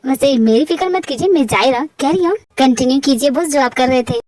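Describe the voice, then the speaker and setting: Woman voicing a chatty teen girl, very high voice, rambling, dramatic, fan dub. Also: brisk, darkish tone, no room sound. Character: naive talkative teenage girl, sixteen. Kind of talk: Hindi fan-dub voice acting.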